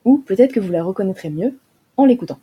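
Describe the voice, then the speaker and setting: A woman's voice: mid-range voice, expressive, quick pace, husky, muffled recording. A teenage girl presenting a scripted music column for a school radio show, joking and mocking herself, and turning mock-dramatic when she gets sad. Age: teens.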